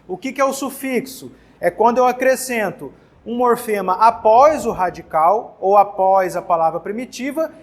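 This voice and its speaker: A high-pitched man with a Brazilian Portuguese accent gives a grammar lesson aimed at an exam. Standing in a classroom by a whiteboard, he teaches casually, restarts words often, and keeps checking on his students.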